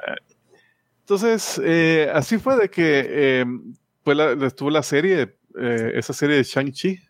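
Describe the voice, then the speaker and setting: A man's voice: a little high, lively intonation, unhurried, no echo, clean studio sound. A man, chatting casually and rambling through a comic book's story with many fillers and restarts.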